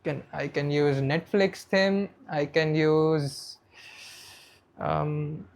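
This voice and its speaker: A man's voice: on the high side, extremely slow, gravelly, darkish tone. A man with an Indian English accent giving a casual screen-share tutorial to students, chatting and thinking aloud as he works. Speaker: educator for accounting students.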